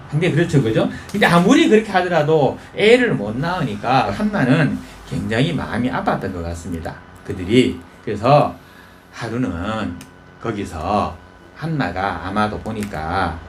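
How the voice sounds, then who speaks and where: Animated folksy pastor. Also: male voice, fairly high pitch, slight background noise. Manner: folksy, animated storytelling with frequent questions to the congregation. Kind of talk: conversational sermon.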